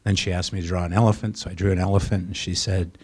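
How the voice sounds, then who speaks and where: A middle-aged man telling a personal story as a panel guest, soft-spoken and halting with many fillers. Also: low voice, flat delivery, husky.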